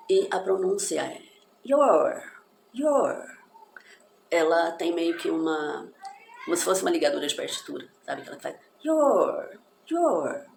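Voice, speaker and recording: A woman with a gravelly, somewhat low voice teaches an English lesson in an encouraging, reflective way. She slowly breaks down pronunciations. Her voice rings in an echoey room with faint background noise. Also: darkish tone.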